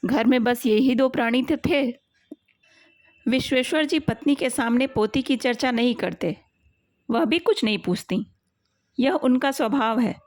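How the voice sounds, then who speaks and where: Slow, calm woman storyteller. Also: on the high side, dry recording. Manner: measured, calm reading. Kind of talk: storybook narration.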